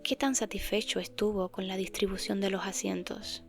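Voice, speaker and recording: A woman voicing a mysterious phone caller who asks calm, polite survey questions in a hushed, half-whispered voice. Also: medium pitch, moderate pace, vocal fry, faint music behind, close to an everyday voice. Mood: eerily polite.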